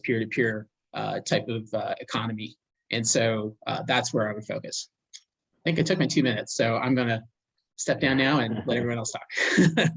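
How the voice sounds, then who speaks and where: Man pitching in a measured way. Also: a bit bright, low-quality recording. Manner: measured, filler-heavy explaining. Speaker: election candidate. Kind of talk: video call pitch. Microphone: video call microphone.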